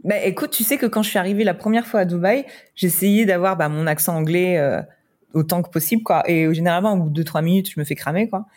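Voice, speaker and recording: A woman's voice: on the low side, fast talker, darkish tone. A woman from France, a wedding photographer, chatting casually in a podcast interview with lots of fillers and laughter.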